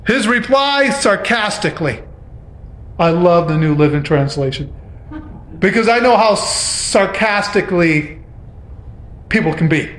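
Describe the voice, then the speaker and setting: A man's voice: high-pitched, animated, a little slow, pauses often, a bit bright, roomy sound, slight background noise. A man preaching a sermon who reads scripture aloud and stops to explain it in his own words.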